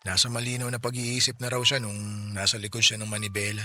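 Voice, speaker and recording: A Filipino man voices a grieving, poor widower and tricycle driver in Tagalog radio drama acting, a character newly bereft of his family and bitter about justice. His voice is on the low side with a completely flat, sharp delivery, weary and bitter, and he slows when he stresses words.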